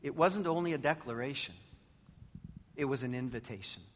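A man's voice: medium pitch, moderate pace, slight background noise. A man preaching a church sermon and praying in an emphatic, exhortative way, with short repeated phrases and rhetorical questions. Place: large church hall. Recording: large reverberant hall, music behind.

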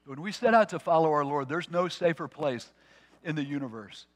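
A man preaching a sermon to his congregation, earnest and personal, dropping to a soft hush on key phrases. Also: on the high side, lively intonation, moderate pace. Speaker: pastor.

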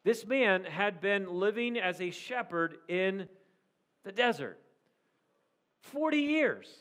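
High-voiced man in his forties preaching. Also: animated, takes it slowly, fairly bright tone. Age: 40s. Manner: earnest, rises to emphatic repetition. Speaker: pastor. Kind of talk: sermon.

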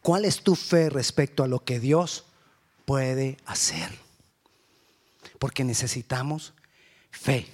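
A man's voice: medium pitch, slow, pauses often, a little mellow, breathy edge. A man preaching a sermon with fervent, repetitive rhetorical questions.

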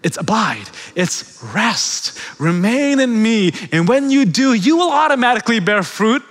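A man preaching a sermon as pastor, swinging between loud, emphatic peaks and hushed, quiet passages. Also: sits high, big pitch swings, measured pace. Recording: long reverb of a large hall.

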